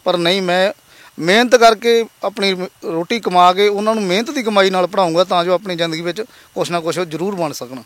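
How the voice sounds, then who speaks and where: A man's voice: sits high, a little fast. A man from Punjab, a laborer and father, telling his story in an interview in an earnest, polite and emotional way.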